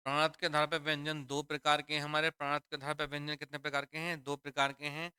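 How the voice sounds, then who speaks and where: Bright, crisp-voiced man teaching a class. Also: on the high side, completely flat delivery, quick pace, no room sound, clean studio sound. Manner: repetitive, quizzing students with questions; addresses students as children. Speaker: Hindi teacher. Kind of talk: classroom lesson on grammar.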